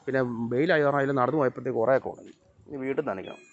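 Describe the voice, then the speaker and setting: Strolling past flooded fields, a man narrates a casual vlog and calls for his dog and cats to come along. He talks rapid-fire in an expressive, creaky mid-range voice, captured on dull audio with a little hiss or hum.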